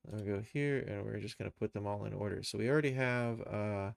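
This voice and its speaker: This man, a streamer as well as a game developer and animator, talks through what he's doing in a casual live screen-share tutorial. His voice is lowish and creaky, his delivery brisk, and no room sound comes through.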